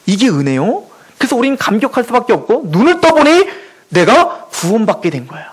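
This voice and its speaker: A man's voice: extremely high pitch, sing-song, fairly quick, breathy edge, poor audio. A male pastor preaching a sermon in church, emphatic and full of rhetorical questions.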